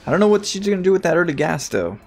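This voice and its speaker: A man's voice: high voice, very animated, rapid-fire. A man casting a live strategy game match, breaking down builds analytically and joking with his co-caster. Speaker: esports caster.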